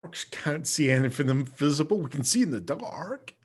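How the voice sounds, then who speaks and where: A man with a husky voice chatting casually as a tabletop game player on a video call. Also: a little high, expressive, moderate pace, darkish tone.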